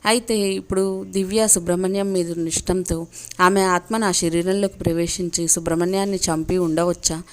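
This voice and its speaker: A woman's voice: fairly low pitch, fairly even intonation, moderate pace, close to an everyday voice. A woman voicing a worried young wife asking questions.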